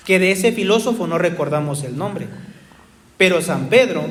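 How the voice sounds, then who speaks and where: A man preaching an earnest, exhorting sermon, told as a story. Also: high-pitched. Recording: echoey hall reverb.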